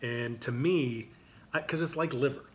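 A man hosting a show, chatting in a relaxed, rambling way over a dinner table, often restarting his sentences. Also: medium pitch, measured pace, a little hiss or hum. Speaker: show host. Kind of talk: casual chat over a dinner. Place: dining table indoors.

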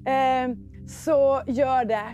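A woman's voice: sits high, steady tone, warm tone, faint music behind. A woman preacher giving a fervent, informal sermon to a congregation. She mixes plain talk and filler words with praying aloud in tongues. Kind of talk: charismatic sermon with prayer. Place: church meeting before a congregation.

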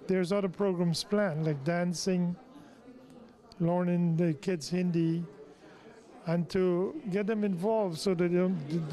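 Man, middle-aged, temple president, interview answers, mellow, slightly high. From Guyana.

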